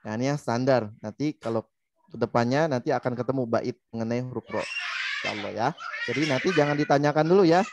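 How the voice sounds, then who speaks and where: A man's voice: mid-range voice, a little fast. A man with an Indonesian accent teaching Quran recitation, patiently explaining and modeling sounds. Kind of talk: online tajwid lesson.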